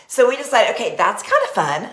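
Pitched on the high side and swooping wildly, a Texas woman's voice moves at a brisk clip through an echoey room. Bubbly and chatty, she talks with her hands while hosting a live-streamed sales party with a Texas accent. A desk webcam records her in a small decorated home office.

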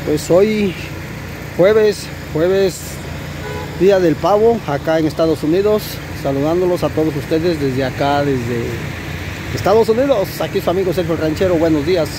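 A man in his forties with a Mexican accent, chatting earnestly and repeating himself in a casual selfie vlog, filmed on a phone held at arm's length. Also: a little high. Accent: Mexican Spanish. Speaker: vlogger. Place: street outdoors, then inside a parked car. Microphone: phone camera at arm's length. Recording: phone audio with loud street and car noise.

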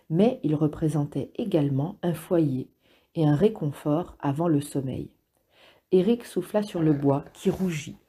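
A woman narrating an audiobook in a calm, measured, steady reading style. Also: low-pitched, breathy edge. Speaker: audiobook reader.

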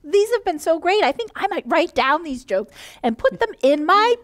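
A woman's voice: very high voice, very animated, normal speed. A woman leading a church children's message, upbeat and enthusiastic as she explains.

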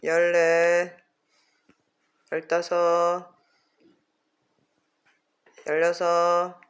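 A woman's voice: lowish voice, monotone, very slow. A woman exercise coach counting reps and giving short, strict, repetitive corrections in clipped phrases.

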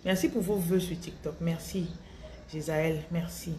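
A woman in her thirties from Cameroon with a Cameroonian French accent, giving a slow, thoughtful spiritual talk to her followers into a phone in a small tiled room. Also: fairly low pitch, fairly even intonation, mellow, a little hiss or hum. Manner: slow and thoughtful, with frequent restarts. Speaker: spiritual coach. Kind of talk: reflective spiritual monologue to followers. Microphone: phone held close at arm's length.

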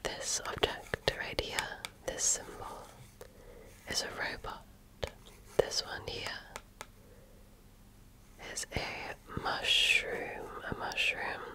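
The voice is a woman's breathy whisper, calm, patient and deliberately gentle. She is an ASMR performer roleplaying a medical examiner, giving soft-spoken personal attention.

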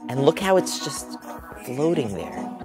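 A man hosting a science vlog, demonstrating a toy with excited, emphatic exclamations. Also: mid-range voice, unhurried, faint music behind. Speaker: host. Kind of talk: enthusiastic product demo vlog.

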